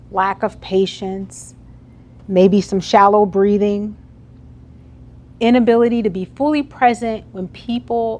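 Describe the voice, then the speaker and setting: A woman from the United States with a slightly mellow mid-range voice gives a motivational keynote to a live event-hall crowd, speaking conversationally and asking them questions. There's a little hiss or hum in the audio.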